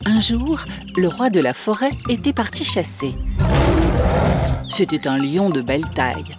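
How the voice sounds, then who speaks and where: A woman tells a children's fable in a slightly low, expressive voice. She paces the story with care and lively emphasis. Loud background music plays under her narration. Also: measured pace.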